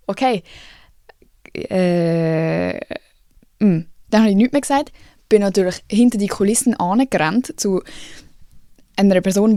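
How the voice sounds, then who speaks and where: A young woman with a Swiss German accent, hosting a podcast and telling a story in a casual, lively way, swearing easily and dropping in English phrases. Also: mid-range voice, no echo, studio quality. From Switzerland. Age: young adult. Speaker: podcast host.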